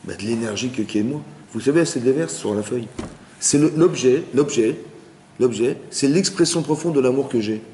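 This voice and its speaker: A man gives a quick, animated class to listeners in a study hall, checking often that they follow. His voice carries a long, roomy reverb from the hall, with a faint hiss underneath. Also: mid-range voice. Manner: lively, conversational, often asks the audience if they follow. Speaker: rabbi. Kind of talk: informal Torah class.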